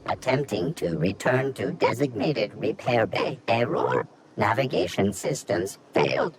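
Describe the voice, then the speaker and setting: Brief: a man as a slow, flat robot computer, clipped and emotionless, over steady game noise. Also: fairly low pitch, vocal fry, heavily acted. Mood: flat, mechanical. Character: calm malfunctioning repair robot, flat and mechanical. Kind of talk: video game voice acting.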